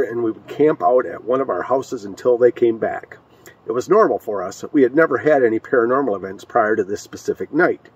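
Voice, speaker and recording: A man's voice: mid-range voice, a little mellow, husky, lo-fi sound. A man from Michigan, recorded outdoors on a cold night, chatting and joking with many fillers as he reads ghost stories aloud. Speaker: co-host of a ghost story show. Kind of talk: casual chat and reading ghost stories aloud. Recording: distant mic outdoors.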